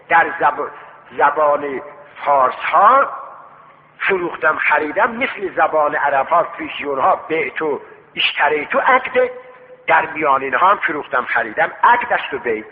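Man lecturing through a tinny reverberant recording. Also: on the high side. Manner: poses rhetorical questions and answers them himself; repeats key terms slowly to stress them. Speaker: seminary teacher. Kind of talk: classroom lecture on Islamic law.

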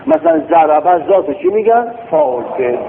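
A man's voice: fairly high pitch, sing-song, gravelly, noisy background. A man teaching a classroom grammar lesson, drilling words and quizzing his class. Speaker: religious studies teacher. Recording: tinny phone-like lo-fi recording.

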